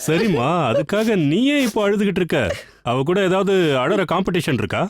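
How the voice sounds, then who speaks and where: A man's voice: sits high, big pitch swings, fairly quick. An actor playing a playful middle-aged father who teases his weepy wife in a TV serial with music behind. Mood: teasing. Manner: teasing, joking. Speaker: father of the household. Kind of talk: TV serial acting.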